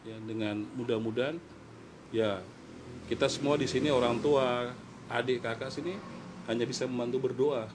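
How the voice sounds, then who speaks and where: A middle-aged man speaks in a talk-show conversation, earnest and fatherly, as he recounts raising and coaching a young player. His pitch sits at an ordinary middle level, with a faint hiss of background noise in the recording. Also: steady tone, moderate pace, pauses often. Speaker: guest, foster father and football mentor. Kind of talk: heartfelt conversational storytelling.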